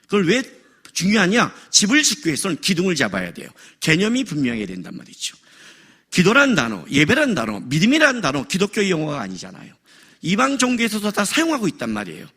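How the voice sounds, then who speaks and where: Middle-aged male pastor preaching in church; bright, slightly husky voice, animated and joking. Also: high-pitched, quick pace. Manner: animated, jokes and raises voice for effect. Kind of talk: sermon. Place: church worship service.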